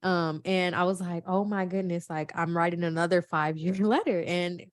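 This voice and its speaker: A woman's voice: lowish voice, steady tone, moderate pace, no echo. A woman, talking in a heartfelt, emotional way, close to tears. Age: 20s. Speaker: podcast co-host. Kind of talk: casual chat.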